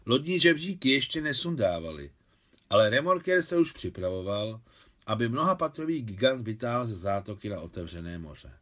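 A man narrating a novel in a calm, measured, mid-pitched voice. His reading is steady and even, in the manner of an audiobook. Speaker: audiobook reader. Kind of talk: scripted narration.

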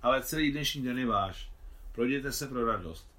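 A man reading the part of a fatherly older army officer who is a keen photographer, in a hearty, brisk manner. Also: medium pitch, pushed and bright, lightly acted. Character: older male officer, kindly veteran photographer.

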